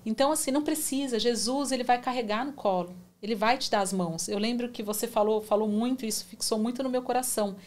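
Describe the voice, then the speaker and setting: A woman's voice: a little high, quick pace, hardly any pauses. A woman in her forties telling her faith testimony in a podcast conversation, recounting her prayers with emotion. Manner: emotional, animated storytelling with reenacted prayers. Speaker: guest giving testimony.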